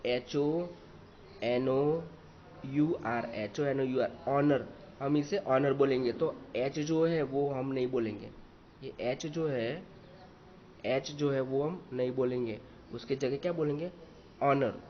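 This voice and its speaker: A male English teacher, slowly explaining exercises, spelling words letter by letter and repeating each one. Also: medium pitch. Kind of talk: slow explanatory lesson. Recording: dull lo-fi recording with faint noise.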